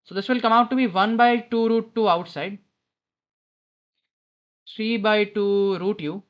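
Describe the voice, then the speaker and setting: A man's voice: high-pitched, steady tone, unhurried. A man tutoring maths informally on a headphone mic in an airport lounge, thinking aloud and often correcting himself as he works through a problem. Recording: dull lo-fi headset sound.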